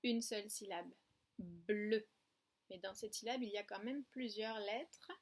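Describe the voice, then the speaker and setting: A woman teacher speaks at an unhurried, deliberate pace with a slightly gravelly edge to her voice. She gives patient instructions to young children in a home video lesson, counting aloud and repeating each word. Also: medium pitch, fairly even intonation. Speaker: kindergarten teacher.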